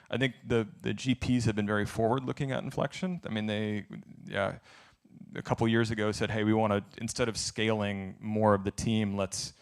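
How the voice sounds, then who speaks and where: A man speaks at a conference Q&A in a low, somewhat deep voice with a gravelly edge. He answers candidly and thinks aloud as he goes. He has the plain manner of a speaker working through his answers. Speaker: speaker answering audience questions. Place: conference event.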